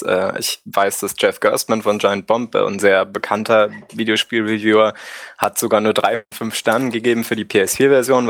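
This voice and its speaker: A man's voice: on the low side, fairly bright tone, no room sound, clean studio sound. A man hosting a casual gaming podcast, rambling with many fillers and asking his co-hosts for their views.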